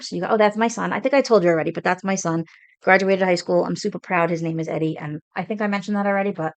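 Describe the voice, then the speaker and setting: A woman's voice: mid-range voice, a bit bright, no echo. Brooklyn lady in her 40s rambling about her cross stitch stuff, dry close sound. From Brooklyn, New York. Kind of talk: casual show-and-tell chat.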